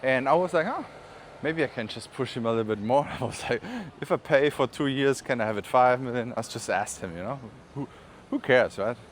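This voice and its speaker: A German man with a German accent rambles casually through a walking vlog on city streets, dropping informal asides. His mid-range voice moves fairly quickly with few pauses, over street noise and passing vehicles.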